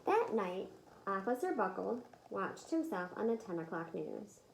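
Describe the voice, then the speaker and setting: A woman reading a children's picture book aloud in an expressive, emphatic storytelling manner. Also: medium pitch, unhurried, creaky, slight background noise, poor audio. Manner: animated, emphatic, acts out the dialogue.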